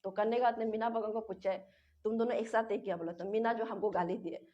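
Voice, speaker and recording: Fast-talking young woman, distressed. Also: medium pitch, fairly even intonation, mellow. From Arunachal Pradesh, Northeast India. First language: a local Arunachal language. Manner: rambling, repetitive, distressed retelling. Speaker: interviewee. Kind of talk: emotional first-person account. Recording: dull lo-fi recording.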